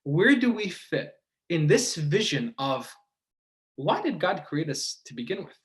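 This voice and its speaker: This reflective religious lecture comes from a man based in Michigan's Detroit and Dearborn area. His voice runs on the high side with big swings in pitch, and he takes a deliberate approach, using pauses and rhetorical questions.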